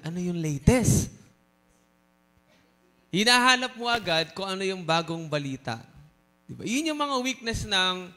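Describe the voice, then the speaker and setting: A man preaching a sermon in a lively, teasing way, mixing in English phrases and joking asides to the congregation. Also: sits high. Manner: mixes Tagalog and English. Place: church service.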